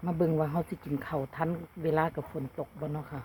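Low-voiced Isan woman chatting outdoors. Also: level tone, quick pace, darkish tone, slight background noise. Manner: chatty, laughs often, polite particles. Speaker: vlogger cooking and gardening at home. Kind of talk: casual chat to camera. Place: outdoors at a rural home.

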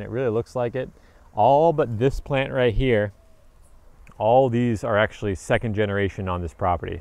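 Upbeat man touring his garden. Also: lowish voice. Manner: upbeat, rambling, with frequent fillers and self-corrections. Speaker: homesteader vlogger. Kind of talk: casual garden walk-through. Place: outdoor tropical garden. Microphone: handheld action camera at arm's length.

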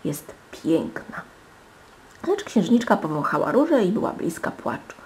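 A woman reading a fairy tale aloud with dramatic, animated storytelling and soft hushed asides. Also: mid-range voice, a little fast. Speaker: storybook reader.

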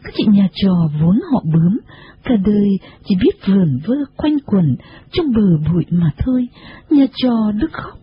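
A woman narrating a storybook in an expressive, dramatic manner. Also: medium pitch, a little slow. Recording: dull lo-fi recording.

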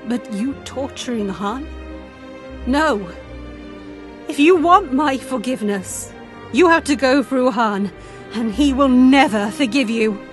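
An actress in an audio drama playing a young princess, wounded, bitter and defiant, with an indignant, emphatic delivery. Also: female voice, high-pitched, animated, slow pace, pauses often. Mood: bitter, accusing. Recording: music behind the voice.

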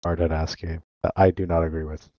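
A man's voice: deep voice, level tone, fairly quick, warm tone, dry recording, highs cut off. A man in casual argumentative chat, blunt, crude and dismissive, often repeating himself.

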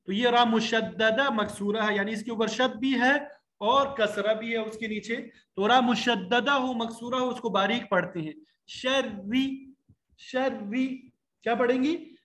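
A man teaching Quran recitation to a class. He draws out syllables slowly, repeats them for students to copy, and explains the rules briskly in between. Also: very high voice, fairly bright tone. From Pakistan. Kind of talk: classroom tajweed lesson.

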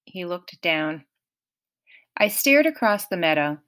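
A woman reading a novel aloud in first person, unhurried and expressive. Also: on the low side. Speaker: audiobook reader.

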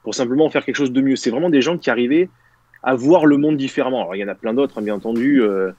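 A man in his thirties, a guest on a webcam video call from a small room, rambles casually with lots of fillers and restarts. His mid-range voice is dark-toned and fast. There's no echo, but the highs are cut off.

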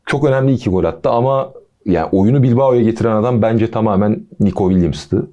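A man hosting a football podcast, talking casually with a relaxed, chatty manner and jokey asides. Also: fairly low pitch, a little fast, highs cut off.

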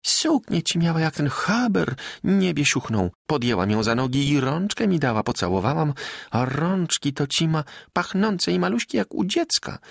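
A man's voice: a little high, creaky, no room sound, clean studio sound, pitched above the performer's own voice, exaggerated voice. A man doing a breathless gushing village wife. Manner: excited, gushing rustic country talk. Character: chattering breathless village wife, middle-aged woman.

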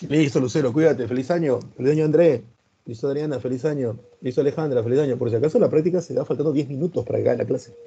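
In a live online class, a male pre-university history teacher greets students by name and explains things through homely examples. His mid-range, dark, husky voice comes out rapid-fire and sounds stern, though he says that's just how he naturally talks. The recording is muffled.

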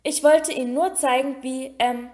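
A woman reading an audiobook, voicing a clever, practical schoolgirl in a brisk, matter-of-fact way. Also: sits high, fairly even intonation, close to an everyday voice.

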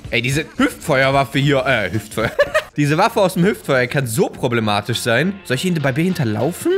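A man in his twenties giving casual gameplay commentary on a close studio microphone, excitable and joking, often exclaiming as he plays. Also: medium pitch, normal speed, faint music behind. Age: 20s. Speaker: gaming YouTuber. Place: indoor room at home, on a couch. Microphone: close studio condenser microphone with pop filter.

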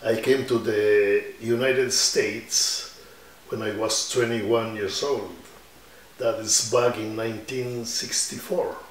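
Slow-talking older man from Ecuador. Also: lowish voice, steady tone, slight background noise. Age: 70s. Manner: slow, reflective storytelling with hand gestures. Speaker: musician. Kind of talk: oral history interview. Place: indoor room with guitars on the wall. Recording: roomy sound from a distant mic.

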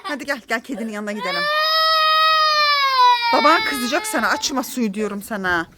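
High, lively mother scolding and coaxing. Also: a little fast, very noisy. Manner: coaxing and scolding, laughing often. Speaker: mother filming her children. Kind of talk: casual family vlog. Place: outdoor garden.

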